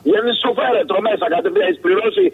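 A man's voice: high voice, husky. A man in satirical radio banter, ranting indignantly. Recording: tinny phone-like line.

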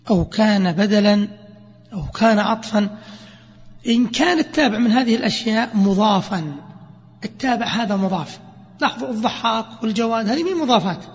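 Male grammar teacher, high voice, quizzes the class, lo-fi hall recording. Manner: lively, quizzes students with questions. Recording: dull lo-fi recording with hall reverb.

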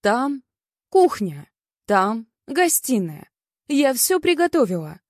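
A woman's voice: on the high side, slow, no echo, studio quality, full character voice. Woman playing a strict formal housekeeper. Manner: calm, formal and clipped.

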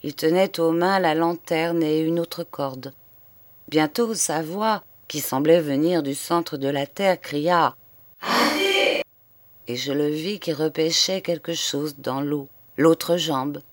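A woman reading a literary short story aloud in a measured, grave storytelling manner. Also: low voice, dry recording. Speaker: audiobook reader. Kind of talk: literary audiobook narration.

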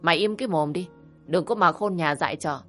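A woman doing a shrill, scolding older aunt. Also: fairly quick, faint music behind. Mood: demanding. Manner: yelling, berating, harsh.

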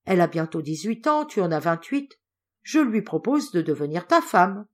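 A woman's voice: lowish voice, big pitch swings, moderate pace. A woman reading an audiobook, voicing an old general who is a loving, blustering grandfather, in a raised, hearty voice. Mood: jovial.

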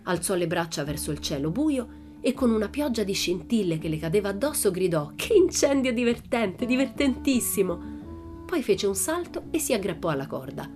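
A woman reading a children's novel aloud in calm, even storytelling narration with an Italian accent. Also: fairly low pitch, fairly quick. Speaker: audiobook reader. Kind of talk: scripted narration. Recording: faint music under the voice.

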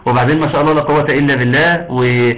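A man's voice: mid-range voice, fairly even intonation, rapid-fire, fairly bright tone, poor audio. A man with an Egyptian Arabic accent teaching a Quran recitation lesson, quizzing students and encouraging them with frequent pious phrases. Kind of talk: online Quran tajweed lesson.

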